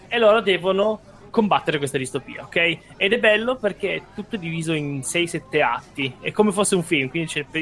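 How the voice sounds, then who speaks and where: A man with a fairly high voice co-hosts a casual podcast. He explains things colloquially, drifting into small asides as he goes. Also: fairly bright tone. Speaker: podcast co-host. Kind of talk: casual chat.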